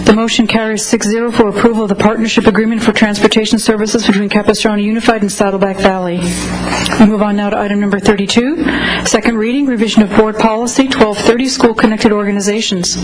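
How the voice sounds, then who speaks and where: A woman's voice: medium pitch, steady tone, quick pace. Woman chairing a meeting, heavy background noise. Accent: American. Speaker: board chair. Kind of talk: formal meeting procedure, reading agenda items. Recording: very noisy public meeting room recording.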